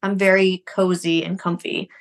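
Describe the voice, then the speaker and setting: A young woman co-hosts a relaxed podcast in an easygoing, chatty manner. She tells everyday stories at an unhurried, casual pace. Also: lowish voice. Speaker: podcast co-host. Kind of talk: casual chat.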